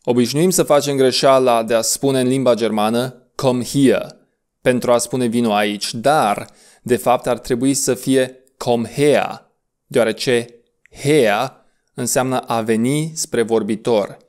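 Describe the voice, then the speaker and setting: Male teacher, slow drilled repetitions, mid-pitched. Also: fairly even intonation, darkish tone. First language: Romanian. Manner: slow, deliberate repetition of words. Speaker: language teacher. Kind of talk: pronunciation lesson.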